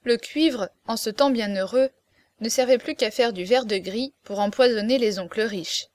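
A woman reads a classic novel aloud with lively, expressive storytelling. Her voice sits a little higher than most. The sound is dry and close, with no room echo. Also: moderate pace. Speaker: narrator. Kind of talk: audiobook reading of a classic novel.

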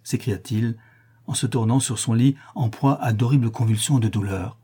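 A man narrating a classic novel with a measured, dramatic delivery. His voice is dark and mellow with a husky grain. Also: medium pitch. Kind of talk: audiobook narration.

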